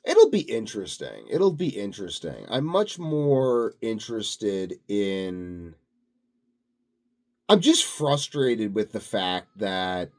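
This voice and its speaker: A self-appointed health and sleep expert delivers a rambling vlog, musing aloud off the cuff with lofty self-confidence. The man's voice is on the low side, with a darkish tone.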